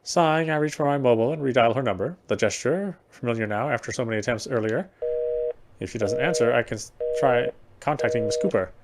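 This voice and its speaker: A man with a medium-pitched voice talks fast over heavy background noise. He's playing a visual novel and reading its first-person narration aloud with care, occasionally stumbling and correcting himself.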